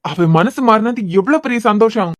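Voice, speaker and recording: A woman's voice: a little high, animated, moderate pace, close to an everyday voice. A woman voicing a teasing young husband, Kanyakumari accent. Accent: Kanyakumari Tamil. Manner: bantering, scolding playfully. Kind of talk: cartoon web series voice acting.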